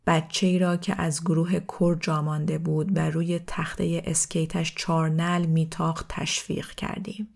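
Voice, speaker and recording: A woman narrating a first-person story in a calm, even reading voice with dry asides. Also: sits low, vocal fry, few pauses. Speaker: audiobook narrator.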